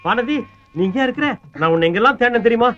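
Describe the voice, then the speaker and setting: An actor playing a whiny, scheming young nephew in a film comedy, complaining in quick comic patter. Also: male voice, very high-pitched, animated, muffled recording.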